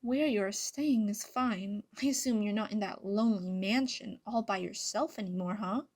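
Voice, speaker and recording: A woman's voice: mid-range voice, moderate pace, darkish tone, natural voice. A woman voicing a long-lost mother who talks in a breezy, offhand way, in a fan reading of a story.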